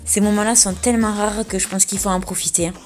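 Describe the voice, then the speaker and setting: A woman chatting casually to camera about her day, relaxed and full of fillers. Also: medium pitch, quick pace, faint music behind. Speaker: vlogger preparing for a fitness competition. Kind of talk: casual vlog narration.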